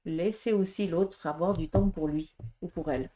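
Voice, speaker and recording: A Swiss French woman with a fairly low voice gives her viewers a casual tarot reading at a moderate pace, with background noise audible. She's frank and direct, relying on fillers and frequently asking "okay?".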